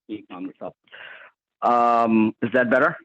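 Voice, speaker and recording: A man introducing himself on a panel over a video call whose audio cuts in and out, so his volume keeps dropping, and he speaks haltingly with pauses and fillers. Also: medium pitch, fairly bright tone, no room sound, highs cut off. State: audio cutting in and out, uneven volume. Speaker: panelist, company founder. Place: Chicago.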